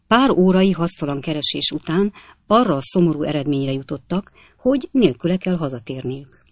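A woman narrating a classic novel as an audiobook reader, in a measured storytelling voice. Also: low voice, darkish tone, no room sound, clean studio sound.

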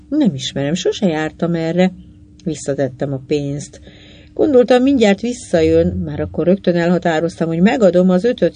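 A narrator reading a literary short story aloud in a measured, unhurried way. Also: mid-range voice, mellow, a little hiss or hum.

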